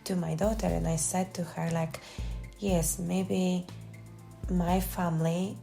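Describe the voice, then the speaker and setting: A woman with a gravelly, dark voice talks through her own podcast in an unscripted, personal way. She restarts words and leans on "you know" as she gathers her thoughts. Faint music plays behind her. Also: lowish voice, little pitch movement, slow pace. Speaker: coach and podcast host.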